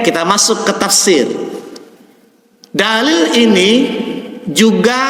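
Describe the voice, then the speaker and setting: High-voiced, slow preacher in echoey mosque. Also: male voice, fairly bright tone. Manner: drawn-out chanting of verses, emphatic corrections. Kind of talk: mosque sermon with Quran recitation lesson. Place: large mosque hall. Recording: echoey mosque hall, distant mic.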